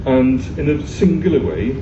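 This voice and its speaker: In a radio-style interview, a very animated man with a mid-range voice questions his guest at a moderate pace. He hesitates often, restarting and using fillers, and the sound is muffled, distant and echoey over loud room noise.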